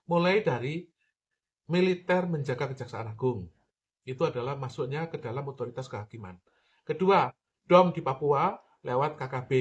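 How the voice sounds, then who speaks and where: A man giving a political commentary monologue, emphatic, repeating his points and addressing the listener directly. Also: a little high.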